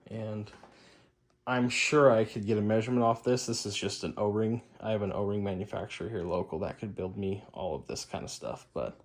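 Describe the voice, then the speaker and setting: Speaking a little fast in a steady, lowish voice, a hi-fi repair channel host works through a hands-on repair, keeping things informal and upbeat while talking half to himself.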